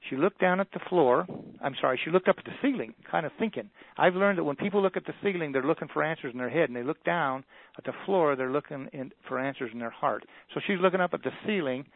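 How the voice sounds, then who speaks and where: A man speaking as a motivational speaker, telling a story and acting out the dialogue while he pitches a coaching package. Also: expressive, quick pace, dry recording. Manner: storytelling, voices quoted dialogue. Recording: tinny phone-like audio, dry.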